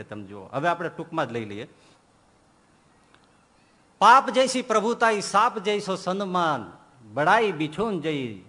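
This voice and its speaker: A male preacher giving an animated sermon, quoting verses and acting out stories as he goes. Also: mid-range voice. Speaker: religious preacher. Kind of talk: sermon with storytelling.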